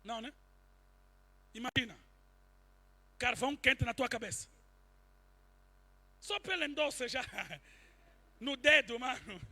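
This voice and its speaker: A man preaching a sermon and telling a personal testimony, swinging from quiet asides to shouted peaks. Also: extremely high pitch. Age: adult, married since 2010.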